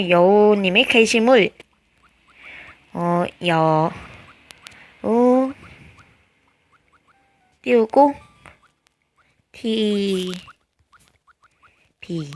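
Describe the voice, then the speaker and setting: A woman with a naturally high voice, chatting casually as she plays a life-sim game, hesitant and full of little filler sounds. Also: very slow, long pauses. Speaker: game streamer. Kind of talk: casual gameplay commentary.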